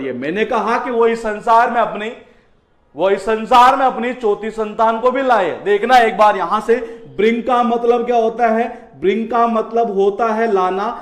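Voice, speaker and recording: High-voiced teacher in echoey room. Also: male voice, fairly bright tone. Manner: repetitive, explains with rhetorical questions. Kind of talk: exam-prep vocabulary lesson.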